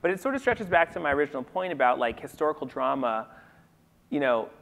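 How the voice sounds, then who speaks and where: A man speaking on a festival panel about theater, thinking aloud in an animated way with lots of "you know"s. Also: on the high side, fast, vocal fry. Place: festival event hall. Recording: reverberant hall.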